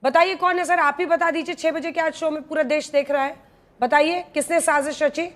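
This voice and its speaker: A woman news anchor moderating a heated TV debate, pressing a panelist and cutting in with sharp questions. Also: sits high, steady tone, fairly quick.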